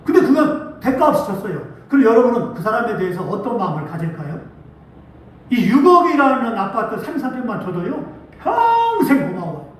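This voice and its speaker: Man, pastor, sermon, high voice, very lively pitch, echoey church, distant mic. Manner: preaching with animated acted-out quotes. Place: church sanctuary.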